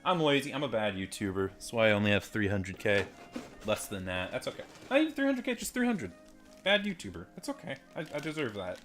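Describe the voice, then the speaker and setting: In a casual unboxing, a toy reviewer with a deep voice talks briskly and very animatedly, his tone a little bright. He rambles, jokes at his own expense and curses offhand, with soft music playing behind, picked up by a desk microphone and phone mic.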